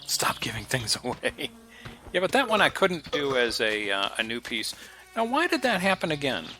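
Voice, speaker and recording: A man's voice: medium pitch, sing-song, moderate pace, pushed and bright. A man streaming a game, talking casually and rambling between jokey asides. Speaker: gaming streamer. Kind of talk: casual gameplay commentary. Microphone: headset.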